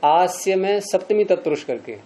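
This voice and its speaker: A male teacher lecturing on Sanskrit grammar, with a fairly high voice that stays mellow and warm. He explains each point step by step and keeps firing questions at his students. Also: lively intonation, normal speed.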